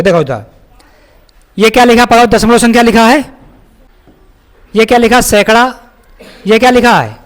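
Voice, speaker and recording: A male maths teacher explaining a lesson step by step, often asking his pupils questions and calling them child. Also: high-pitched. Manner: asks pupils questions and checks their understanding.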